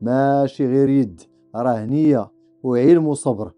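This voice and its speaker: A man playing a gentle, kindly therapist. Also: mid-range voice, normal speed, lo-fi sound, soft background music, natural voice. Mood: tender. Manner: tender, soothing.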